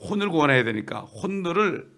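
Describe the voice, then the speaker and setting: A man's voice: a little high, very animated, a little fast, fairly bright tone. A man preaching a sermon as pastor, asking the congregation questions, answering them himself and repeating key phrases for emphasis. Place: church.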